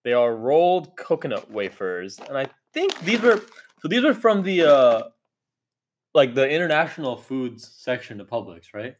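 A young man hosts a casual podcast chat, his voice swinging up and down with lively, animated intonation. He sounds chatty and opinionated, with a medium-pitched voice. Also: moderate pace. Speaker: podcast host.

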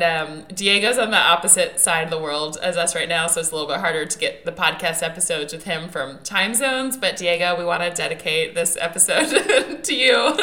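A woman co-hosting a podcast while sick, her voice raspy, chatting casually and laughing a lot. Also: lowish voice. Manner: laughs a lot, warm and conversational. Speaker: podcast co-host.

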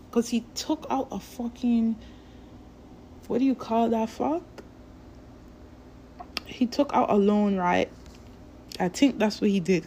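This vlogger's voice is deep, dark and gravelly, heavy with fry, as she drags her words out at a leisurely pace. She rambles through a casual monologue aimed at her viewers, swearing freely, with a faint hiss or hum in the recording.

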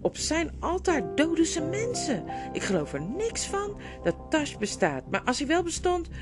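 A woman voicing a very young woolly lamb who asks in a small, high, polite voice. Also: wildly swooping pitch, normal speed, music in the background. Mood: earnest.

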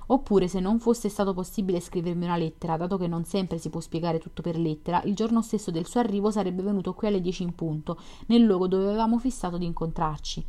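A woman's voice: fairly low pitch, fast talker, few pauses, mellow, close to an everyday voice. A shy, emotional young woman from a storybook, as a woman reads her aloud, impatient and hopeful. She speaks in an eager, pleading rush.

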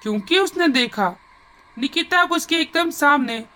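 A woman's voice: high-pitched, lively intonation, normal speed, bright, forceful tone. A woman narrating a scripted horror story with suspenseful storytelling.

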